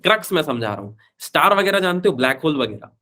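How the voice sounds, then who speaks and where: A man runs a live online physics class in a slightly high voice. He is chatty and informal, calls his students beta, and slips English phrases into his Hindi explanations. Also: big pitch swings, fast talker, pushed and bright. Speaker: physics teacher.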